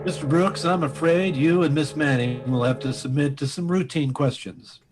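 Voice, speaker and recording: A man playing a calm, methodical police inspector in an old-time radio mystery, deliberate and probing. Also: on the high side, music in the background, lightly acted, low-quality recording. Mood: businesslike.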